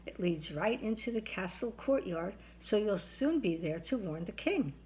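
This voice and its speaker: A woman's voice: medium pitch, animated, moderate pace, lightly acted. A woman voicing a sneaky male fox in a children's storybook, coaxing and falsely friendly. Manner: coaxing, inviting. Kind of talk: children's storybook read-aloud.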